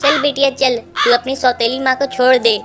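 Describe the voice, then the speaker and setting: A woman's voice: high-pitched, little pitch movement, normal speed, soft background music. A woman voicing a kind, motherly crow queen who comforts a crying girl. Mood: comforting. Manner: gentle, comforting.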